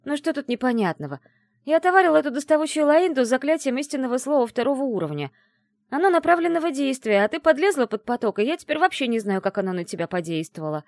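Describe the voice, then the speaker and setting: A woman voicing a lively, scheming young female student of magic who talks bossily and excitedly. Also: sits high, no echo, clean studio sound, pitched above the performer's own voice. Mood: agitated, bossy. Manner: bossy, fast and excitable.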